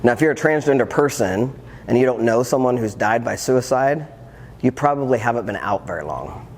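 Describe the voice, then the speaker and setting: A transformational coach in his fifties tells an audience his personal story, mixing earnest reflection with wry humor. His medium-pitched voice is animated and fairly quick. A long hall reverb and faint ambience surround him.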